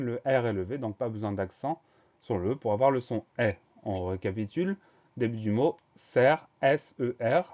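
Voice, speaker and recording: Man teacher, middle pitch, careful letter-by-letter spelling dictation, slightly muffled lo-fi recording. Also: warm tone.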